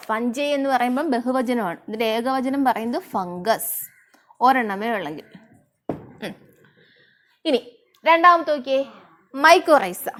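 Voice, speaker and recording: A woman with a high voice leads an online biology lesson. She asks a question and then answers it herself. She slows right down to spell out each English term. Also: fairly bright tone. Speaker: biology teacher.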